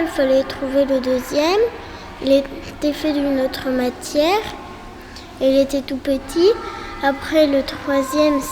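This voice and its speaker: A young girl slowly and hesitantly recounting a museum visit, searching for her words. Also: high-pitched, background noise. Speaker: child interviewed at a leisure centre. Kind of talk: halting spontaneous recount.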